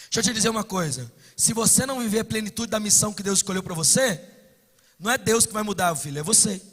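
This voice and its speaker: A man with a Brazilian accent preaching at a conference, passionate, moving between loud declarations and hushed asides. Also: high voice, fast talker. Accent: Brazilian Portuguese. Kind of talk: conference sermon. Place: conference hall. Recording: echoey hall reverb.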